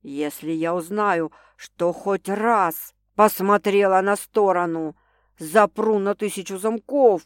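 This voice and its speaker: Woman reader doing a gruff, jealous male boss, low and menacing, dry close sound. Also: unhurried, no room sound, close to an everyday voice. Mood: menacing possessive. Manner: growling, snapping, hissing threats. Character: domineering possessive drunk male boss.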